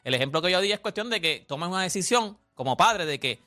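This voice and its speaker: A Puerto Rican man hosting a casual sports talk show, animated and talking over others. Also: sits high, quick pace, soft background music. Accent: Puerto Rican Spanish. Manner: animated, talks over others, acts out quotes. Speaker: radio sports talk host.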